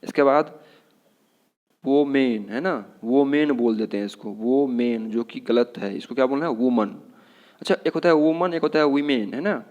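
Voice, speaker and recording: A man's voice: medium pitch, moderate pace, a little mellow, highs cut off. A man with an Indian accent, a Hindi speaker, teaching English pronunciation in a classroom-style lesson, asking questions again and again. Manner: repetitive, keeps asking "what should we say".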